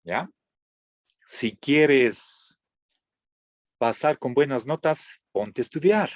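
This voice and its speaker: A man teaching a philosophy class, pausing to check in with his students and restarting phrases as he goes. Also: medium pitch, expressive, no room sound. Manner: checks in with frequent "¿sí?", halting restarts. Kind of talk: classroom lecture. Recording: dull lo-fi dry recording.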